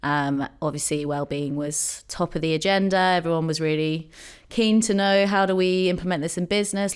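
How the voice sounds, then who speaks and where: A woman's voice: low voice, clear, resonant tone. A woman in her thirties from Jersey, a podcast guest talking casually with lots of ums and likes. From Jersey, Channel Islands. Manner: chatty, many ums and likes. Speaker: podcast guest, company co-founder. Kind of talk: casual interview chat.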